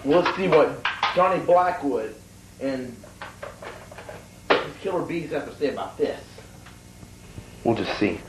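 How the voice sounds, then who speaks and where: A man's voice: fairly high pitch, animated, measured pace, pauses often. Ranting man in an echoey room. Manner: indignant ranting, stammering. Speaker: sketch show host. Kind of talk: mock-serious comedy monologue. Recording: echoey, distant, slightly noisy room.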